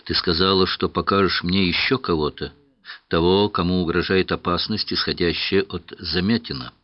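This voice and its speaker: A man's voice: low voice, steady tone, moderate pace, dry recording, lo-fi sound, close to an everyday voice. A man reading as a puzzled, earnest young man. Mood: troubled.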